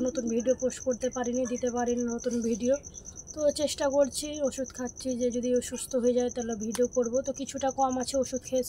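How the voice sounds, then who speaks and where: Young woman, hoarse voice but high pitched, griping loud in a casual vlog. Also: a little hiss or hum. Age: early 20s. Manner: complaining, rising to loud exasperated outbursts. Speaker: vlogger.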